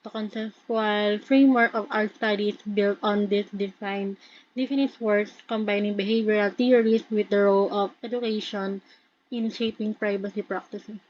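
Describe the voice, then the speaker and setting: Young woman reading her research out loud, pretty monotone, dull lofi audio. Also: mid-range voice, normal speed. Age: young adult. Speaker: student research presenter. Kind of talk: read-out academic presentation.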